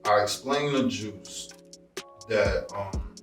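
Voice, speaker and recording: A man's voice: on the low side, takes it slowly. A man co-hosting a podcast in casual, rambling conversation. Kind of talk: casual chat. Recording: echoey room, far from mic, music behind.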